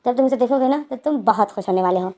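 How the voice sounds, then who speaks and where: A woman's voice: fairly high pitch, quick pace, mellow, natural voice. A woman voicing an affectionate young man who asks eager, curious questions.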